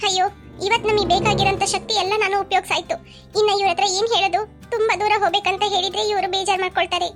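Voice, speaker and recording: A performer voicing a calm young woman guiding others through a forest in a cartoon, patient and reassuring. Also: very high voice, rapid-fire. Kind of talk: cartoon voice acting. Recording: music playing behind.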